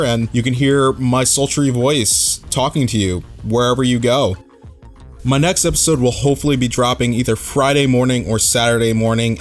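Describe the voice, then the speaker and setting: A man hosting a solo podcast, giving a casual review in a reflective, conversational way, as if thinking aloud. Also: medium pitch. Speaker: podcast host.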